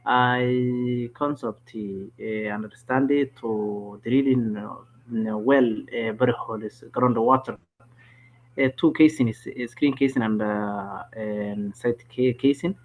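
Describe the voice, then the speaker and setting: Male webinar attendee from Somalia, slow and halting, phone-quality audio. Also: medium pitch. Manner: halting, searching for words. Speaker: webinar participant asking a question. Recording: tinny phone-like call audio.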